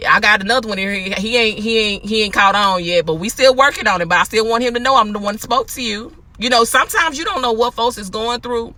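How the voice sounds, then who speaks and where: A woman in casual spoken advice, chatty and animated, acting out quotes. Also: on the high side, quick pace, few pauses. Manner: chatty, animated, laughs often, acts out quotes. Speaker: host.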